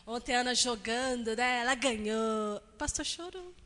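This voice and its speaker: A woman's voice: fairly high pitch, normal speed, sharp tone, big-room sound. A woman pastor with a Brazilian Portuguese accent giving a sermon, telling personal family stories in a chatty way with frequent tag questions. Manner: chatty, frequent "né?" tags, acts out quotes of family. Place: church hall.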